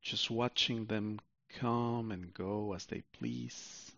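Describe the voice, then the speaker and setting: A man narrating a guided sleep meditation like a sleep story, soothing and unhurried, with long pauses, on a muffled recording. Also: on the low side, steady tone, gravelly, bright, forceful tone, no echo.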